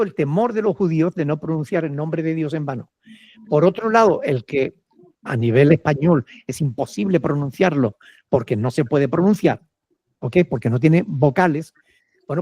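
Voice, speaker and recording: Male Peruvian pastor, teacherly Q&A answers, warm dark tone, dry close sound. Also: a little high, no room sound. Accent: Peruvian Spanish. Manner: explanatory, often checks with "¿ok?". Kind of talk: answering questions in a church Q&A.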